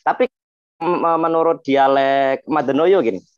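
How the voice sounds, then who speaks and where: A man explaining scripture dialects in a panel talk, slowly chanting verses between points. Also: on the high side, clean tone, no room sound. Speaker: religious teacher explaining dialects. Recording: dull, dry lo-fi sound.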